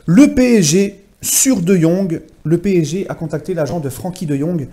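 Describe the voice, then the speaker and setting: A man's voice: sits high, normal speed, mellow. A man recapping a week of football club news in a casual vlog, talking to his viewers as friends and using many fillers. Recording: home vlog.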